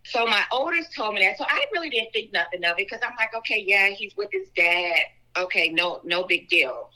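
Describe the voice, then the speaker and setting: A woman guest in an interview telling a personal story in an earnest, fast way, full of "like" and "so". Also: medium pitch, expressive, bright, forceful tone, rough recording. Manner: earnest, talks fast with frequent "like" and "so".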